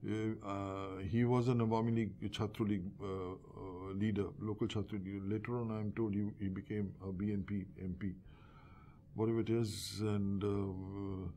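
Hesitant older man recalling, low voice. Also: flat delivery, moderate pace, mellow. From India. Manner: hesitant, many fillers and restarts. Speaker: interviewee recalling wartime reporting. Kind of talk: oral history recollection.

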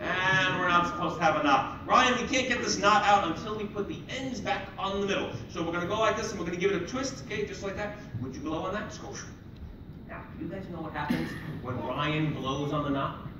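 A man's voice: high-pitched, fairly quick, highs cut off. A man in his thirties doing playful, jokey kids party magician patter on stage, hyping up the children. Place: library auditorium stage, indoors. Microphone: distant audience camera. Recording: roomy, noisy hall recorded from far off.

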